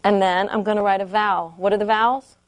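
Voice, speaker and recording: Patient woman teacher, mid-pitched voice. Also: fairly even intonation, quick pace, background noise. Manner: patient, checks in with frequent questions. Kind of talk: classroom phonics lesson. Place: classroom with a small group of children.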